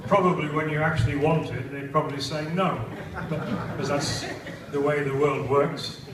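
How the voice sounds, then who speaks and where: A man's voice: fairly high pitch, fairly even intonation, moderate pace, crowd noise. Older British man speaking in an echoey hall. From Britain. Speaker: event speaker. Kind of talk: testimonial speech at an event. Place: large event hall. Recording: echoey hall, distant mic, noisy.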